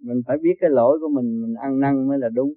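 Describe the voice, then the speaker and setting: Calm, preachy man giving advice on the radio. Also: medium pitch, very fast, no room sound, phone-quality sound. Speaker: radio counselor. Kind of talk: spiritual advice on call-in radio.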